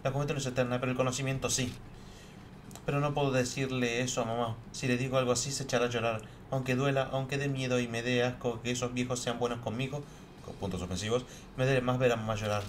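A man's voice: mid-range voice, fairly even intonation, fast talker, slight background noise, lightly acted. A man reading out a sad, timid young girl's diary from a game in a subdued, plaintive tone. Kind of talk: reading game text aloud.

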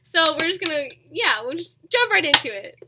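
A woman's voice: extremely high pitch, big pitch swings, fairly quick, heavy background noise. A young woman hosting a vlog indoors, chatting casually with a giggly, playful manner. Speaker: vlogger host. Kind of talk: casual chat. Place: indoor room.

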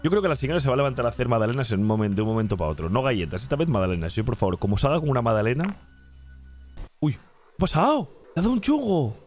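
A man giving excited reaction commentary on a video, breaking into exclamations and laughs as he watches. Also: mid-range voice, very fast. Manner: animated, bursts into exclamations and laughs. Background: music from the video he is watching.

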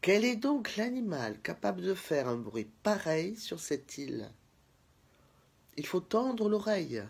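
A man voicing a cheerful laughing little male crab in a storybook, talking in an earnest, puzzled, measured way with a husky voice. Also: sits high, sing-song, exaggerated voice.

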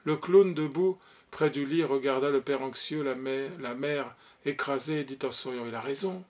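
A man reading a short story aloud as an audiobook, expressive, giving the characters' lines their own voices. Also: medium pitch, moderate pace. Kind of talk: audiobook narration.

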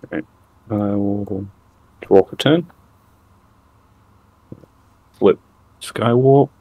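A man plays the opponent in a card game and calls out his moves in short, dry, matter-of-fact phrases. His voice is low and gravelly, and he speaks slowly. The sound is close and dry. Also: no room sound, phone-quality sound. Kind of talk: terse game callouts.

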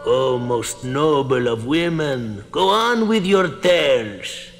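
Slow gravelly king, stately, music behind. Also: mid-range voice, lively intonation. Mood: tender. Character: solemn older male king, grateful. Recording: echoey hall, music behind.

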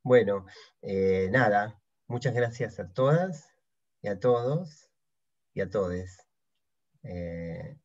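A man's voice: fairly low pitch, lively intonation, slow pace, long pauses, darkish tone, muffled recording. A man with an Argentine Spanish accent moderating an online panel and wrapping it up in an easygoing, informal way. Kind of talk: video-call panel wrap-up.

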